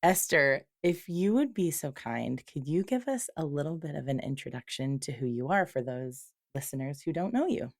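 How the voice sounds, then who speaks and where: A woman's voice: deep voice, expressive, moderate pace, few pauses, no echo, studio quality. A woman hosting a podcast, welcoming the guest and asking friendly, encouraging questions. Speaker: podcast host. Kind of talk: conversational interview.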